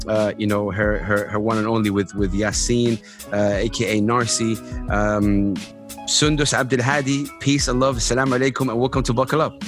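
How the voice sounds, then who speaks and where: A man hosting an interview show, talking in an enthusiastic, rambling way full of fillers. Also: on the low side. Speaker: podcast host. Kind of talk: casual interview talk. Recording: dull lo-fi sound, faint music.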